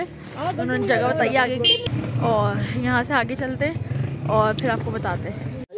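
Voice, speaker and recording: A woman's voice: sits high, very noisy. Chatty mother vlogging outdoors. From Pakistan. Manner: chatty, exclaims at the views. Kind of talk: casual vlog chat. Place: outdoors on a cold hill station street.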